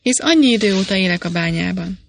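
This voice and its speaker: A woman's voice: mid-range voice, expressive, creaky, no room sound. A woman voicing an earnest young male miner, speaking in an eager way.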